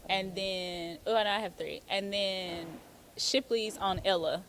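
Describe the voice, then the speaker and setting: The audio is poor, with a little hiss or hum, as a Houston, Texas woman, an attorney and author, chats as an interview guest. Her medium-pitched voice is steady, unhurried, and fairly bright, and her casual answers are full of "um" and "like."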